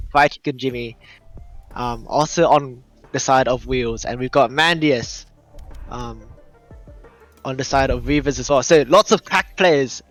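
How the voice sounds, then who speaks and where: A man's voice: medium pitch, a bit bright, no room sound. Casual young male esports caster, dry sound. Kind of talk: casual esports caster commentary with gamer slang.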